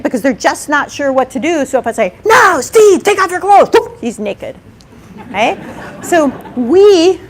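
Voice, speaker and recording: A woman with a slightly high voice presents at a live workshop. She talks in a loose, conversational way, acts out little quoted exchanges and keeps checking in with her listeners by asking "okay?" and "right?". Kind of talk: live conference talk. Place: lecture room at a workshop.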